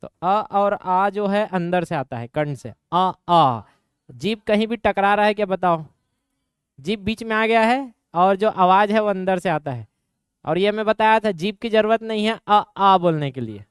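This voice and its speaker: A young man from Chhattisgarh with a Chhattisgarhi accent, teaching an exam coaching class with a slight nasal ring. He keeps asking the class quick questions and answering them himself, and he slips into regional dialect now and then. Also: high-pitched, clear, resonant tone, no room sound, clean studio sound. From Chhattisgarh, India.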